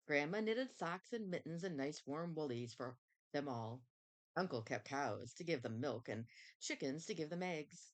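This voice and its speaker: A woman reading a children's storybook aloud in a gentle, measured way. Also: low voice.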